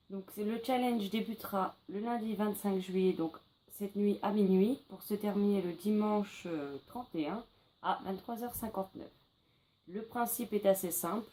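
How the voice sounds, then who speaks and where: A woman with a French accent presenting a book challenge in a chatty, casual video, often pausing with fillers and correcting herself. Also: medium pitch, mellow, a little hiss or hum, rough recording. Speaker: book vlogger.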